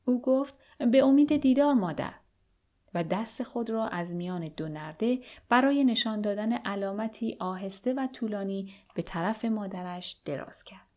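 Brief: woman audiobook narrator, even and measured storytelling. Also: mid-range voice, lo-fi sound. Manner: steady, measured first-person narration. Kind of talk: audiobook reading of a novel.

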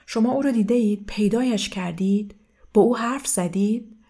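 A woman's voice: warm tone, close to an everyday voice. A woman reading aloud and voicing a distraught, confused woman in her thirties who talks in an anxious, pleading way. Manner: pleading, agitated, raised pitch.

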